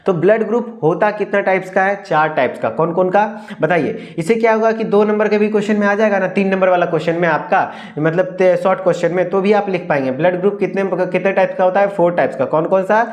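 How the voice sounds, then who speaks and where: A man's voice: sits high, quick pace, hardly any pauses. A young man with a Hindi accent giving an exam-prep lecture as a pharmacy tutor, asking questions and answering them himself and repeating key terms.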